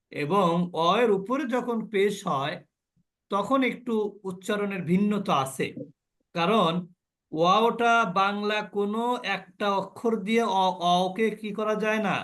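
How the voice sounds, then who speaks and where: In an online lesson, a man whose voice is high and a bit bright teaches the pronunciation of Arabic letters. This Quran recitation teacher drills each sound with his class and quizzes his students along the way.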